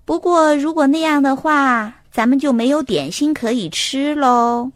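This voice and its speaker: A woman's voice: sits high, measured pace, no room sound, clean studio sound. A woman voicing a patient, soothing mother bear in a children's storybook. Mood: tender. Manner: soft, soothing, reassuring.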